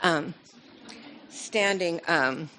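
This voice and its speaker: A middle-aged woman speaks with a slightly low voice, sharing her personal testimony in a church sermon. Her delivery is earnest and heartfelt. She often restarts her phrases. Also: drawn-out words, sharp tone, a little hiss or hum. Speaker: guest speaker at church, pastor's wife.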